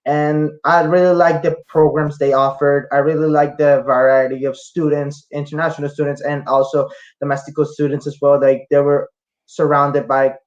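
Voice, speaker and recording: A young adult man from Costa Rica, a student guest, answers interview questions hesitantly, with frequent fillers and restarts. His voice is fairly high and flat at a moderate pace, and the audio is dull.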